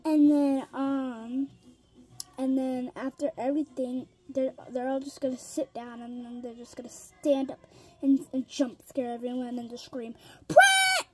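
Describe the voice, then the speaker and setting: Unhurried and level in tone, a woman with a high voice plays kid characters in a pet toy role-play for her toy figure videos. She rambles, full of ums and restarts, and slips into whispered asides.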